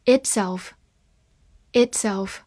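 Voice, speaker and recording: A woman teaching English vocabulary in her native Chinese, spelling words letter by letter and reading example sentences aloud very slowly. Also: medium pitch, steady tone, mellow, no echo. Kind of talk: slow, deliberate vocabulary lesson.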